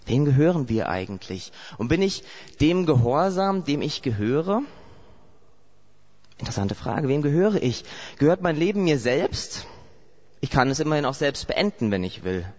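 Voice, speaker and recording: A man from Saarland preaches a sermon with a slightly high voice. He tells the story vividly and keeps posing rhetorical questions to his listeners. The recording is muffled and lo-fi. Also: very animated, normal speed, pauses often. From Saarland, Germany. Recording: dull lo-fi recording.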